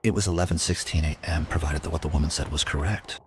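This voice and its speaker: Speaking fast in an extremely low, fairly even voice, a man narrates over music with a slight hiss or hum. In this scripted crime audio drama he's a persistent police investigator recounting his case in a dry, measured, matter-of-fact tone.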